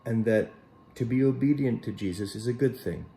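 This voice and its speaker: A Bible story is read aloud to children by a man with a mid-range voice, who stays gentle and unhurried and pauses to address the kids directly as a Sunday school teacher.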